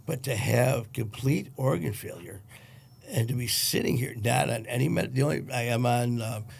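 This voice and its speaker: A man's voice: mid-range voice, moderate pace, creaky. A middle-aged man from Detroit, a podcast guest, telling a blunt, profane story with lots of quoted dialogue. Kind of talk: casual storytelling.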